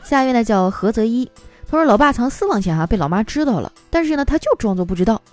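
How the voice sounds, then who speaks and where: A woman's voice: fairly high pitch, lively intonation, quick pace, faint music behind. A woman radio host reading out listener jokes in a playful, chatty way. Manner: playful, chatty, mimics voices for quoted people. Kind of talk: casual comic storytelling.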